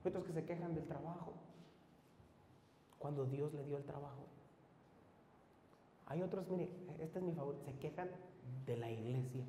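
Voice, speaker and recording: A middle-aged man, preaching a sermon as a pastor, with rhetorical questions and swings between loud and hushed delivery. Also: on the high side, moderate pace, long pauses. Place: church hall. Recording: echoey hall, faint noise.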